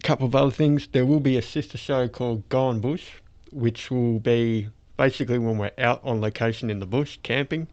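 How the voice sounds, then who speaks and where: A man's voice: mid-range voice, fairly even intonation, moderate pace, few pauses. Toothless Australian man, dull lo-fi recording. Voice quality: toothless, soft-edged speech. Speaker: podcast host. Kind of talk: casual podcast chat. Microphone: speaking through a face mask. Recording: dull lo-fi sound.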